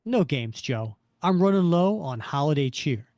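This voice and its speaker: A man performs a wisecracking comic-book superhero with a lifted, animated voice. He is confident and chatty, often thinking out loud. The sound is dry and close. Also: fairly high pitch, moderate pace, no room sound. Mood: stern wisecracking. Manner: wisecracking, self-talking.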